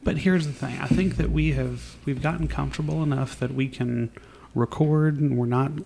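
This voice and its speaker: A man's voice: mid-range voice, normal speed, creaky, a little mellow, a little hiss or hum. A young man co-hosting a home podcast, chatting in an easygoing, rambling way with plenty of restarts. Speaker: podcast co-host. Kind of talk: casual chat. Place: home at night.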